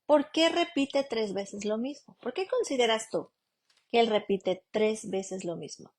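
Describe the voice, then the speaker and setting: A woman's voice: a little high, expressive, measured pace, a little mellow. A woman preaching a radio sermon, earnestly asking her listeners direct questions and calling them beloved sister. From broadcasting from Canada. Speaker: lawyer and radio program preacher.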